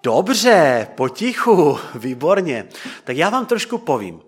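A man preaching to a congregation in church, asking them questions and letting his voice sink soft and quiet at the ends of thoughts. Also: a little high, big pitch swings, breathy edge. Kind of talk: interactive sermon.

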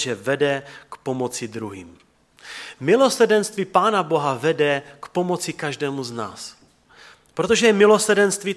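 A man in his thirties giving a sermon, earnest and conversational, often dropping to a soft, quiet voice. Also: fairly high pitch. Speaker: preacher.

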